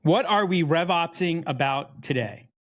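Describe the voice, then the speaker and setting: A man's voice: a little high, lively intonation, unhurried. A man co-hosting a podcast in casual chat, blunt and joking, teasing his co-host.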